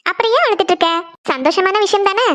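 A woman's voice: very high-pitched, lively intonation, fast talker, fairly bright tone. A woman voicing a caring young woman who coaxes her crying friend with repeated questions in a cartoon. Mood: coaxing. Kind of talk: cartoon voice acting.

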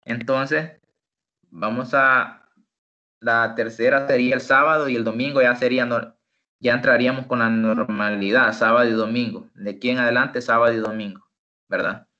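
A man tutoring English online, slowly explaining and drilling example phrases. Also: mid-range voice, steady tone, pushed and bright. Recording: dull lo-fi online call audio.

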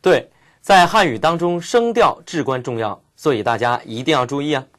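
Brief: very slow, lively-pitched co-teacher, careful pronunciation model. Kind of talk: lesson pronunciation demonstration.

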